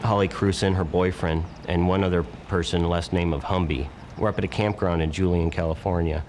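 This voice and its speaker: A police detective in an interview, matter-of-fact and factual. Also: male voice, low voice, steady tone, fairly quick, darkish tone, a little hiss or hum.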